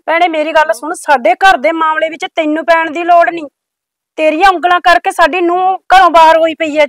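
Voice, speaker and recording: A woman's voice: sits high, fairly quick, no echo, clean studio sound. A woman with a Punjabi accent playing a stern mother-in-law who scolds a neighbour. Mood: scolding. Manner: scolding, then pleading. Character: stern older mother-in-law guarding her daughters-in-law.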